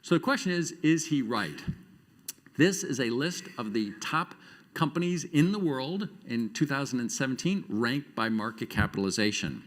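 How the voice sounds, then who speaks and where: Animated man giving a conference talk. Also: mid-range voice. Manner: animated, self-deprecating storytelling with wry asides. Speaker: conference speaker. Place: conference stage before an audience.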